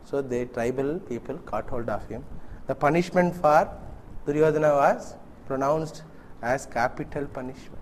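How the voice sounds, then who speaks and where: There is some background noise behind a South Indian man with a fairly high voice. He speaks as a spiritual teacher telling an old epic to listeners, posing questions and voicing the dialogue himself. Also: a little mellow. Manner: storytelling with rhetorical questions and acted-out dialogue. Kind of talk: spiritual discourse retelling an epic story.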